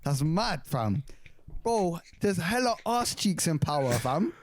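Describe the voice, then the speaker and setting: A man's voice: fairly high pitch, sing-song, takes it slowly, over a noisy crowd. A man in his twenties with a London roadman accent, co-hosting a casual, slangy, talkative chat. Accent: London urban roadman slang accent. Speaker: podcast co-host.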